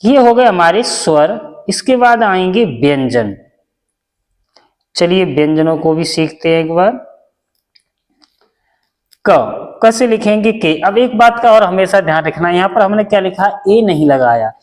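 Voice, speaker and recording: A man with a fairly high voice teaching a beginner's class. He talks slowly and patiently, repeating every step and posing questions he answers himself. His voice rings out with a long hall echo. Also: animated. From India. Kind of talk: classroom lesson.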